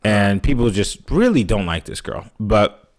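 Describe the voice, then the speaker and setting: Co-hosting a casual podcast, a man rambles through a story and acts out what other people said. His voice is on the low side, sing-song, and a little slow.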